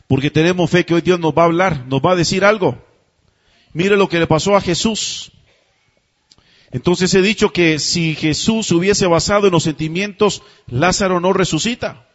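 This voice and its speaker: A man's voice: on the high side, muffled recording. A man preaching a sermon, chatty and full of rhetorical questions, who keeps asking the congregation to repeat phrases after him. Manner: conversational, asks rhetorical questions. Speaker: pastor.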